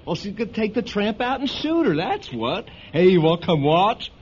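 A man plays a callous, lecherous henchman in a dramatic audio story. His voice is high for a man and swings widely. The recording is dull with clear noise. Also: big pitch swings, moderate pace, a little mellow. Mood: callous leering. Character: crude, lecherous male henchman, callous and cocky. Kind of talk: dramatic audio fiction acting.

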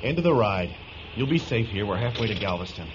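An actor playing a gruff, reluctant rescuer who talks like a practical field medic in an audio drama. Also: male voice, lowish voice, sing-song, brisk. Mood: curt, practical. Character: gruff, reluctant male truck-driving rescuer, kind underneath. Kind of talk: dramatic audio fiction acting. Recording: dull, noisy audio drama recording.

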